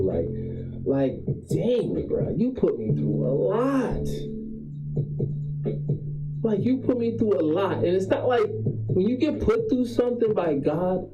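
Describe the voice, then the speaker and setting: Mellow-voiced man musing on a stream. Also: high-pitched. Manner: rambling, preachy, repeats himself for emphasis. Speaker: live streamer. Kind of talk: casual motivational monologue. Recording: roomy sound with faint guitar music behind.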